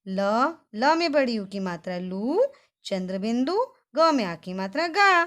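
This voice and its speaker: Coaxing her young pupils through a Hindi vocabulary lesson, this teacher speaks in a high, bright voice that jumps up and down. Each word gets broken into syllables and said slowly more than once, with animated, sing-song encouragement in between.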